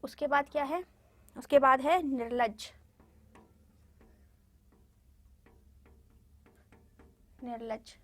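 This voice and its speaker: High-voiced woman teaching children patiently. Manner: patient, repeats words for pupils to echo; frequent "ठीक है" check-ins and fillers. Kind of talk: classroom lesson addressed to children.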